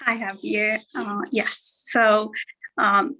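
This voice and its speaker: A woman's voice: mid-range voice, level tone, drawn-out words, bright, forceful tone, low-quality recording. A young woman from Algeria, a guest speaker talking casually and a little hesitantly on a live stream, with many fillers and restarts.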